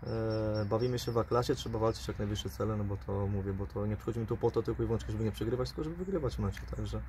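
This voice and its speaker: Brief: forties male coach, pitchside interview, rapid delivery, faint outdoor noise. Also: a little mellow. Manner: fast, repeats "mówię" and "no", hedging. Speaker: football coach and player. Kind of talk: post-match interview. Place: outdoors by a pitch, under a dugout shelter.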